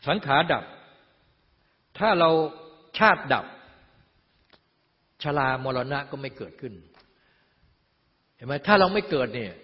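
An older man, a Buddhist teacher, giving a dharma talk in a teasing, rhetorical way and often asking his listeners whether they see. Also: mid-range voice. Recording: dull, lo-fi sound in a long-reverb hall.

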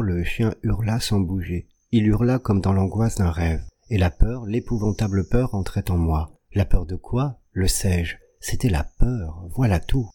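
A man reading a classic short story aloud as an audiobook in a measured, deliberate manner. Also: on the low side, dark tone, slightly rough. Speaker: audiobook reader. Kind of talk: literary audiobook narration.

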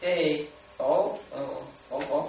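A man, a monk, giving a chatty, animated dharma sermon full of stories and repetitions. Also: a little high, slow. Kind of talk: sermon with storytelling. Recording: echoey, distant mic, faint noise.

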